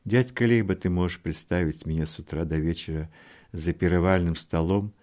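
A man voicing a learned adult scholar, soft-spoken and ironic, in an audiobook. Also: deep voice, brisk, natural voice. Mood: wry.

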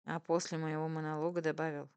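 A woman's voice: low-pitched, flat delivery, fast, darkish tone, clean tone, no room sound. A woman narrating a first-person story in a playful, teasing manner. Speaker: audiobook narrator.

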